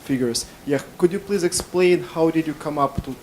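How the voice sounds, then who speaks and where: A man's voice: on the high side, normal speed, darkish tone, a little hiss or hum, rough recording. A man in a conference audience asking an earnest, detailed question. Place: conference hall.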